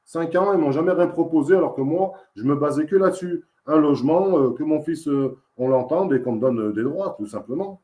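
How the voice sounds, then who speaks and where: A man's voice: a little high, fairly quick, few pauses, reverberant, dull audio. A man giving a casual, emphatic testimony as an interviewee, telling his story in a repetitive, insistent way. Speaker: interviewee, father in dispute with social services.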